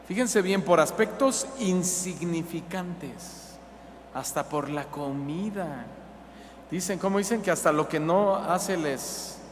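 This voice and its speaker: A man's voice: high-pitched, a little hiss or hum. A man with a Mexican accent preaching a sermon, chatting with the congregation, asking questions and mimicking people. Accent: Mexican Spanish. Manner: conversational, asks the congregation questions, mocking mimicry. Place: church hall. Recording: long hall reverb, faint ambience.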